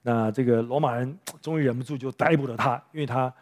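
A pastor preaching a sermon in church, telling a story with rhetorical questions to the congregation. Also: male voice, medium pitch, steady tone, quick pace, a little mellow.

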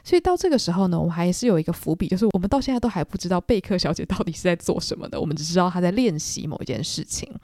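A woman's voice: on the low side, lively intonation, racing, few pauses, a little mellow, no echo, studio quality. A young woman hosts a podcast, chatting through a novel in a casual book club retelling and acting out the quotes. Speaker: podcast host.

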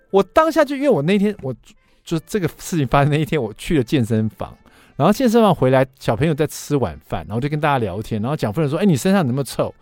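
A middle-aged man, a radio show host telling a funny story about himself in an animated way. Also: fairly high pitch, fast talker, no echo, soft background music. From Taiwan. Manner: animated, self-mocking anecdote telling. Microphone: studio microphone.

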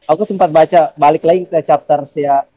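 A young man with a higher, mellow voice walks through his theory piece by piece in a relaxed podcast chat, stopping often to restart a sentence. The audio sounds dull and lo-fi. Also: a little fast. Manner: explains a theory step by step, many fillers and restarts. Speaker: podcast co-host. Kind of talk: casual chat.

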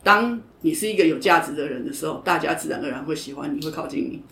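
A woman's voice: low voice, animated, fast talker, fairly bright tone. A woman judo coach, talking frankly and emphatically in an interview, repeating her points. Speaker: judo coach and podcast guest. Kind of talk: casual interview chat. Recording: roomy echo.

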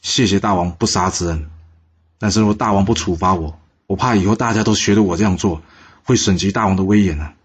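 A man voicing a fiercely loyal male minister of an ancient court, solemn and earnest, with a husky voice on a dull recording. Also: deep voice, fast talker.

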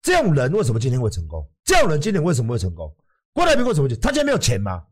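A man's voice: medium pitch, huge pitch swings, rapid-fire, husky. A man with a Taiwanese Mandarin accent, hosting a livestream and talking bluntly to his viewers, swearing freely and acting out other people's lines. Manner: blunt, emphatic, swears freely, acts out quotes. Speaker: livestream host.

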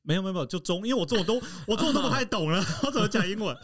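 A man's voice: high-pitched, animated, rapid-fire, fairly bright tone. A man, a podcast co-host chatting and joking casually. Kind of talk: casual chat.

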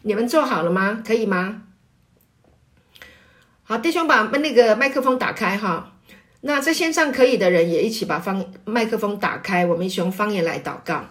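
A woman pastor's wife teaching a church group and leading prayer, explaining patiently with many fillers and building to loud, fervent calls of praise. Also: mid-range voice, animated, moderate pace. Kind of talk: sermon teaching. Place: church meeting, also online.

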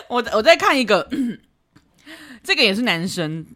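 Taiwanese lady podcaster, laughs a lot, teasing, super lively up-and-down voice. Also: a little high, a little slow. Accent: Taiwanese Mandarin. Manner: chatty, laughs often, teasing. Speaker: podcast host. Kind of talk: casual advice chat.

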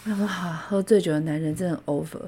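A woman from Taiwan with a Taiwanese Mandarin accent, hosting a podcast and telling stories in a casual, animated way, laughing often. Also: on the low side, fast talker, slightly rough. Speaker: podcast host. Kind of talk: casual storytelling.

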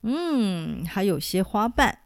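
A woman voicing a jovial old male beggar who loves fine food, talking in a hearty, boisterous way with loud laughs. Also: medium pitch, very animated, slow, no echo, clean studio sound.

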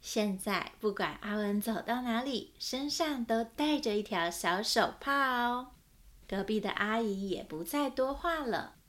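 慢声细语讲故事的女声. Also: female voice, fairly high pitch, lively intonation. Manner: slow, gentle storytelling. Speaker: storyteller for children. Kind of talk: picture-book reading.

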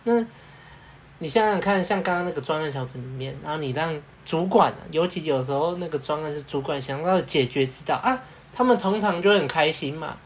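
A man talks through workplace anecdotes in a relaxed, meandering podcast chat. He leans on fillers, acts out small exchanges as he goes, and a faint hiss sits under the recording. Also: a little high, fairly quick. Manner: rambling storytelling with fillers and laughs. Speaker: podcast co-host. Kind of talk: casual chat.

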